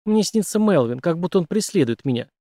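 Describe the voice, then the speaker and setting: A man voicing a young woman doctor shaken by nightmares, his pitch raised and tense. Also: animated, fairly quick, dark tone, no room sound, clean studio sound. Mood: weary.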